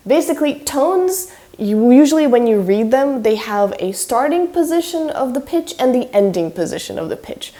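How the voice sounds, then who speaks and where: A woman talks through how speech sounds and tones work in a relaxed, conversational way. She says example sounds aloud as she goes and hedges her attempts. Her voice is soft and mellow rather than bright. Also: high voice, moderate pace. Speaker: language-learning video creator. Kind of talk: casual explanatory talk.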